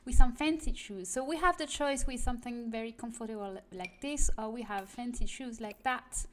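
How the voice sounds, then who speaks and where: A woman who is not a native English speaker, giving casual game-stream commentary and pausing to translate in her head as she searches for words. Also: on the high side, a bit bright, slight background noise. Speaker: host of a game building stream.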